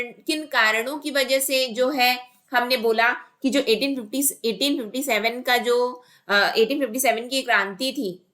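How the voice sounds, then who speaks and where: Bright-voiced woman teaching an online class. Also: high-pitched. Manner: explains by asking and answering her own questions. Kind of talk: online exam-prep lesson.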